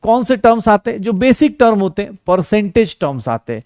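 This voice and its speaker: Male tutor, high pitched, jokey classroom delivery, dry room. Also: very animated, brisk, a little mellow, no echo. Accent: Hindi. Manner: joking, addresses students as beta, acts out quoted students. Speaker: teacher. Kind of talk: classroom chemistry lecture.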